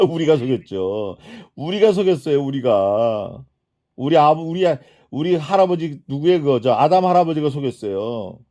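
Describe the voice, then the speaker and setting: Here the middle-aged pastor's mellow voice is on the high side, swinging widely in pitch at a moderate pace. In his expository sermon he answers his own questions to the congregation and performs quoted prayers and speech.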